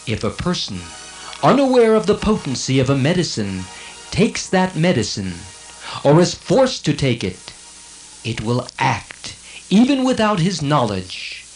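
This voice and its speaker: A man with a fairly high voice and huge swings in pitch performs a righteous heavenly servant of God for a dramatized scripture audiobook. Unhurried and heavily acted, he argues earnestly and declaims formally over soft background music, though the audio is poor.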